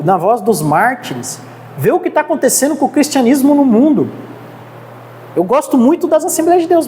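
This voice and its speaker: In a reverberant hall with faint noise, a Brazilian-accented woman teaches a theology class as a church lecture. Her fairly high, dark-toned voice is earnest and exhorting, and she keeps addressing the class as brothers.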